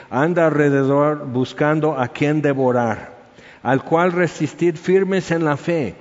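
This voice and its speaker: A man preaching a sermon, telling stories in a lively way and acting out little scenes as he goes. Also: fairly high pitch. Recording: echoey hall, dull sound.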